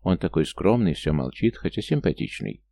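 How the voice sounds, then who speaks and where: A man's voice: deep voice, very animated, normal speed, creaky, warm tone, no room sound, heavily acted. A man voicing a falsely sweet, gushing middle-aged aunt in an audiobook. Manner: sugary, effusive.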